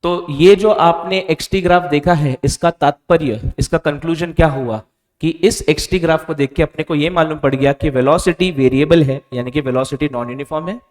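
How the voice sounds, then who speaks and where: A male physics teacher giving a board lecture, asking questions and quietly answering them himself. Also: fairly high pitch. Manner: stretches out key answer words softly. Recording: reverberant room.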